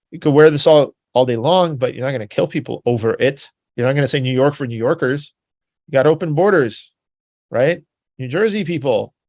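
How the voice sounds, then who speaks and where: A man's voice: medium pitch, vocal fry, darkish tone, no room sound. A man giving an informal spoken history talk, rambling and conversational, full of filler words and tag questions. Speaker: presenter.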